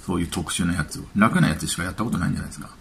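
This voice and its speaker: A man's voice: sits low, racing, creaky, slight background noise. A man giving casual spoken commentary as a YouTube commentator, chatty and offhand, thinking aloud.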